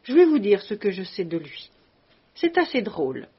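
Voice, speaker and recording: A woman's voice: medium pitch, huge pitch swings, slightly rough, exaggerated voice. A woman playing a composed old-school commandant. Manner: measured, storytelling officer. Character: composed male army commandant, kindly but stern. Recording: dull lo-fi recording.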